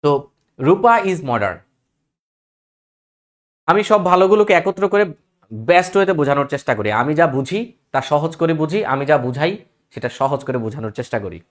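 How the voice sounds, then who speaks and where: A man's voice: on the high side, animated, fast talker. Man chanting English word lists rhythmically. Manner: mixes English phrases into explanation. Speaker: English teacher. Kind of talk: recorded grammar lesson.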